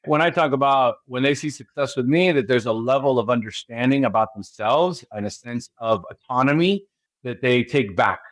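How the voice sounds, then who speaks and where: In a dry recording, a man's mid-range voice moves at a moderate pace. An American-accented spiritual guide from California, he gives an interview full of emphatic statements and rhetorical questions.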